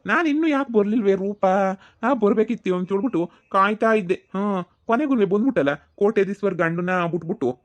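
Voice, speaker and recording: A man's voice: sits high, brisk, close to an everyday voice. A man playing a mocking village brother. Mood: defensive. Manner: teasing, mocking sing-song. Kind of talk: village comedy skit acting.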